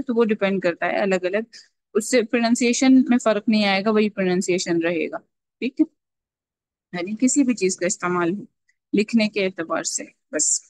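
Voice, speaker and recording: Female tajweed teacher, patient, step-by-step explainer, stretches sounds out slowly to demonstrate, mid pitch. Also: no room sound. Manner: checks in often with a repeated "okay". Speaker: Quran recitation teacher. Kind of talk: online tajweed lesson.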